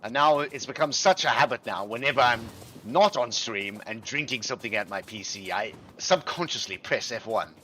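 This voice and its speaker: A man streaming a video game, chatting casually in a playful, theatrical, mock-gentlemanly way. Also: mid-range voice, expressive, normal speed, a little hiss or hum. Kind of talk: casual gaming commentary.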